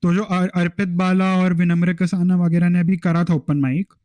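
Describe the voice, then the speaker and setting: Young Indian male podcast host, earnest explainer, slightly raised pitch, dry sound. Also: level tone, normal speed, a little mellow, no echo. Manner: earnest, explains at length, mixes Hindi and English. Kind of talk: casual chat.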